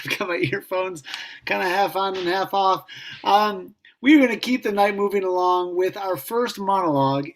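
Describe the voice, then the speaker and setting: A woman casually hosting a theatre showcase over a remote call. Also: fairly low pitch. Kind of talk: casual event emceeing.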